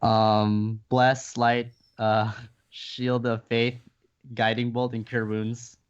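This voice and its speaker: Man, tabletop player, hesitant, medium pitch, dull lo-fi mic. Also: level tone, extremely slow, clean tone. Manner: hesitant, thinking aloud. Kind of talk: casual tabletop play.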